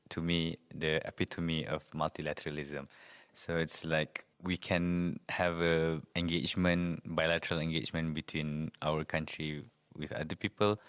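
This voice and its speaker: A man from Malaysia, an intern and master's student, speaking in a formal, measured way. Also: rumbling low, a bit bright, smooth, no echo.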